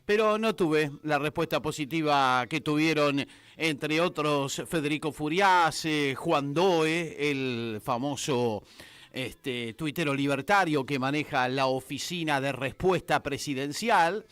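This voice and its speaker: A man with an Argentine accent hosting a political radio show, emphatic and filling pauses with "eh" and "este". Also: fairly high pitch, fairly bright tone, smooth, dry recording. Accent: Argentine Spanish. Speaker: radio host. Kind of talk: political radio commentary and interview.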